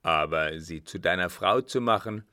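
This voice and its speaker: A man voicing a cold, calculating former guard captain in an audiobook, speaking louder and more forcefully than in his narration. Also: sits low, moderate pace, dry recording, studio quality. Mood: scheming. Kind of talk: audiobook reading.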